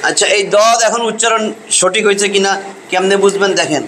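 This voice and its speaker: A man with a high, bright-edged voice teaches recitation in an informal classroom style. He repeats each sound slowly again and again, explaining where the tongue touches the teeth. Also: a little hiss or hum, low-quality recording. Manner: drills sounds by slow repetition. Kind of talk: classroom pronunciation lesson.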